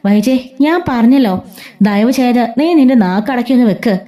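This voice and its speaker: Woman as a stern patriarch, firm and admonishing, high mellow voice. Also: animated, normal speed, lightly acted. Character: older man, stern head of the family.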